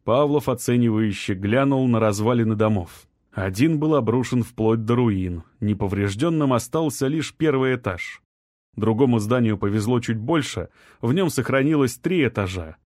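A man working as an audiobook narrator reads a scripted story in a steady, tense storytelling style. His voice is medium-pitched and moderately paced, and the recording is dry with clean studio sound.

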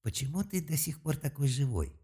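A man voicing a snarling, arrogant young mage, pitched high. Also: expressive, a little fast, mellow, husky. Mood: suspicious. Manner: contemptuous, snarling. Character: arrogant, hot-tempered young male mage student. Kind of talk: audiobook character voice.

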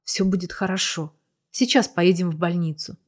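A woman voicing a protective young woman in a read-aloud story, speaking softly and soothingly to children. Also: mid-range voice, animated, moderate pace, close to an everyday voice. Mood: gentle. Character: protective young woman, fierce then gentle.

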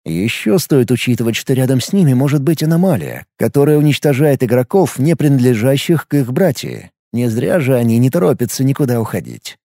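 A man reading a first-person audiobook story in a steady, measured way. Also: mid-range voice, vocal fry, dry recording, clean studio sound. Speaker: audiobook narrator. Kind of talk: first-person scripted narration.

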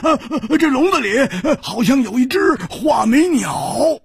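一位男说书人扮演一个吓坏了的壮汉，说话结结巴巴、带着哭腔。. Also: male voice, very high voice, expressive, moderate pace, creaky, slightly rough, no room sound, studio quality, voice pushed up, heavily acted. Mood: frightened. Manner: stammering, whimpering. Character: terrified burly man, stammering and whining.

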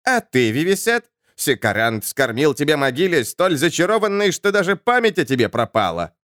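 Man playing rasping hag spirit; lively, dry recording. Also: fairly high pitch, normal speed, dry recording. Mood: spiteful. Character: hoarse, vaguely feminine old soul.

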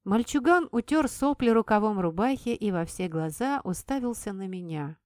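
A woman narrates a first-person audiobook in a calm, steady manner. Her pitch is mid-range for a woman. The recording is close and completely dry. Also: normal speed, dry recording.

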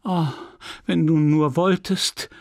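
A man voicing a restless young wife, sharp and half-whispered, with a gravelly voice. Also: on the high side, steady tone, slow, dry recording, studio quality, voice pushed up. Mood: yearning. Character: bored, restless young wife, furious and yearning.

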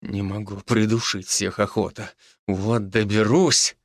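A man voicing a desperate police major who bellows and rasps, hoarse with strain. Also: fairly low pitch, little pitch movement, measured pace, no echo, clean studio sound, pitched below the performer's own voice. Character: desperate middle-aged police major, male, furious.

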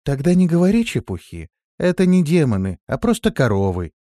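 A man's voice: on the high side, huge pitch swings, fairly quick, mellow, dry recording, clean studio sound, voice pushed up. A man reading an audiobook, voicing a bold young female demoness who speaks firmly and decisively. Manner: firm, decisive, thoughtful. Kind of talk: audiobook character voice.

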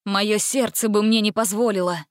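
A woman's voice: mid-range voice, fairly even intonation, normal speed, no echo, studio quality, close to an everyday voice. A woman voicing an earnest young prince.

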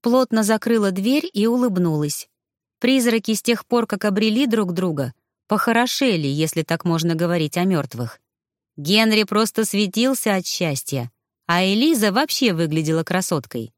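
Woman reading an audiobook, first person, dead dry studio sound, even pace. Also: mid-range voice, moderate pace, no room sound. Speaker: audiobook narrator. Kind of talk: first-person fiction narration.

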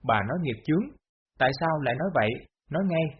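A man's voice: on the high side, lively intonation, fast, slight background noise, close to an everyday voice. A man doing a harsh, barking rich father. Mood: furious. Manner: barking curt orders. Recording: dull lo-fi audio.

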